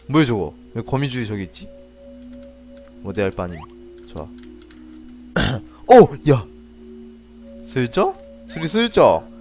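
A man playing an indie game on stream, commenting as he goes, yelping and shouting at tense moments and reading the story lines aloud. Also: fairly low pitch. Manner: excitable, yelps and shouts during play. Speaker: gameplay streamer. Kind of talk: let's play commentary with read-aloud dialogue.

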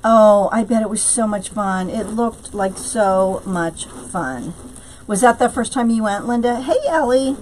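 A woman's voice: medium pitch, unhurried, a little mellow, a little hiss or hum, low-quality recording. A middle-aged woman, hosting a casual craft live stream, bubbly and greeting viewers by name.

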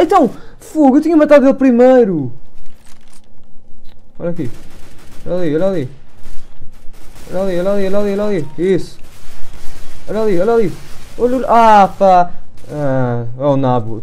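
A young man with a European Portuguese accent, commentating his own online shooter match, excitable and self-mocking, repeating words in rapid bursts. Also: sits high. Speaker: gaming youtuber. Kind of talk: live gameplay commentary. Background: gunfire from the game.

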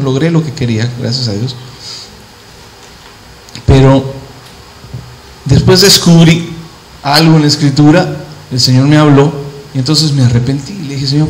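A male pastor preaching a sermon, quoting scripture and telling personal stories, slowing down and speeding up as he goes. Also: a little high, slight background noise. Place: church hall. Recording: echoey church hall.

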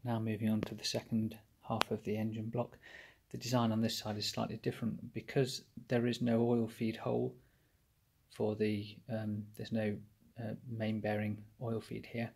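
A man's voice: fairly low pitch, completely flat delivery, moderate pace, gravelly, darkish tone, a little hiss or hum. A man narrating a workshop how-to, explaining each step plainly while he works at a bench. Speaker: engine rebuilder.

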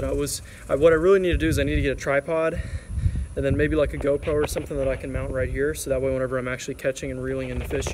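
Young man, casual rambling fishing vlog, phone held at arm's length, outdoors, traffic noise behind. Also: mid-range voice. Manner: relaxed and rambling, many fillers. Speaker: fishing vlogger. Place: outdoors by a creek under a highway overpass. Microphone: phone camera held at arm's length. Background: traffic and outdoor ambience.

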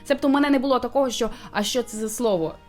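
A woman in casual chat, reviewing a manga and explaining her points with a steady flow of fillers. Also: fairly high pitch, rapid-fire, soft background music. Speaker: booktuber co-host reviewing manga.

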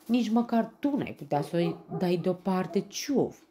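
A woman's voice: fairly low pitch, animated, dark tone, a little hiss or hum, voice pushed up, close to an everyday voice. A woman voicing a worried meerkat relative in a storybook.

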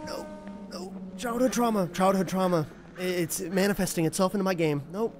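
A man's voice: high-pitched, a little fast, over loud music. A man in his twenties giving casual live commentary on a horror game, jittery, repeating himself and swearing. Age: 20s. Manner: jittery, muttering to himself, repetitive, profane. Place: small indoor room, seated at desk.

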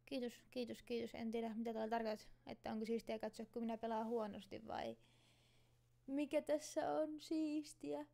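A woman's voice: a little high, steady tone, warm tone, a little hiss or hum. Chatty Finnish woman streaming a game. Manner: chatty, reads and answers chat while playing. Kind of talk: casual let's-play chat. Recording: clear game sound behind.

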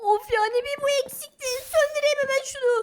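An actor voicing an excitable, easily panicked and indignant young shopkeeper son in a Minecraft comedy roleplay, with whiny, exclamatory, childlike delivery. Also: quick pace. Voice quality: cartoonishly high, childlike. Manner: exclamatory, whiny pleading, repeats cries for help. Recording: music behind the voice.

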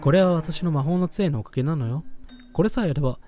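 A man reading the lines of a small witch in a storybook game, friendly on the surface with a menacing edge, in his own mellow voice. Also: a little high, quick pace, soft background music, lightly acted. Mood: sweet. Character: small female witch, sweet but vengeful.

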